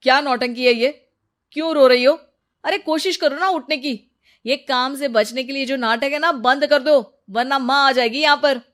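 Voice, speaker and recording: A woman's voice: mid-range voice, a little slow, lightly acted. A woman doing a nagging cartoon husband. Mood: scolding. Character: bossy young husband, scolding his wife. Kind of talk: cartoon voice acting.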